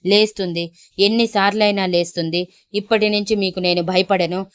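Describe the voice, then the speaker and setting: A wronged young wife who will not back down, read by a woman narrator. Her lowish, smooth voice stays indignant and insistent throughout this audio story. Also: steady tone, normal speed, a bit bright, close to an everyday voice.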